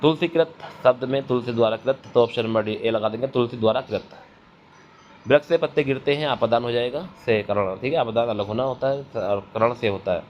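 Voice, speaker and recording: In an exam-prep grammar session, a man with a medium-pitched voice talks a little fast. He asks questions, supplies the answers himself and repeats key terminology, and the lo-fi audio sounds dull with faint noise.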